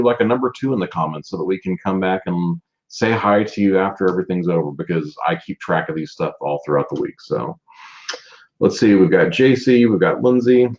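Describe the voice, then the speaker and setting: A man's voice: low voice, a little mellow, muffled recording. A man hosting a casual live stream, chatting and greeting viewers by name as he presents. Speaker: livestream host presenting a business.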